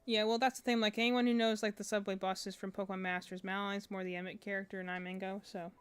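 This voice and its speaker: A woman's voice: mid-range voice, level tone, quick pace, clear, resonant tone. A young woman streamer in casual chat, rambling and self-deprecating with lots of fillers.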